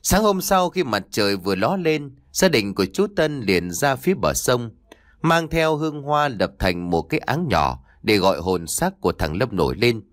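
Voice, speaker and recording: A man's voice: medium pitch, very animated, normal speed, no echo, studio quality. A man narrating a sad ghost story as an audiobook, reading dramatically.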